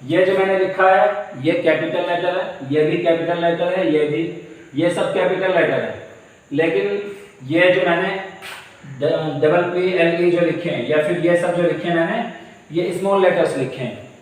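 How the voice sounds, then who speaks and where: A man teaches a grammar lesson in a fairly high voice, heard from a distance across the room. His speech rings out in a strongly echoing space with a long tail of reverb. He explains patiently, going over each point again and asking his class questions. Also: unhurried. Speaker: English teacher. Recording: echoey room from far off.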